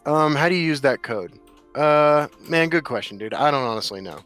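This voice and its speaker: A man's voice: on the high side, expressive, normal speed, fairly bright tone, soft background music. Laughing, swearing podcast co-host man. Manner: laughs often, swears casually. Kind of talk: casual chat.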